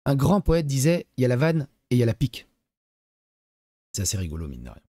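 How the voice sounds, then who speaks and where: A man's voice: medium pitch, huge pitch swings, fast, mellow, no room sound. A man streaming live, reacting to clips with sarcastic, mocking asides and reading chat messages aloud. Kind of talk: casual live-stream commentary.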